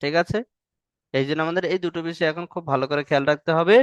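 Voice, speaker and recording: A man's voice: fairly high pitch, fairly even intonation, very fast, fairly bright tone, clean tone, no echo, dull audio. A male teacher, patiently drilling Arabic letters in an online class and stretching the sounds long. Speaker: Quran reading teacher.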